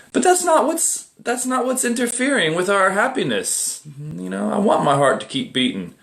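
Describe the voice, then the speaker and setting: A middle-aged man teaching meditation in a relaxed, conversational way, often asking rhetorical questions. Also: a little high. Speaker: meditation teacher and group admin. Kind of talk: casual livestream meditation talk.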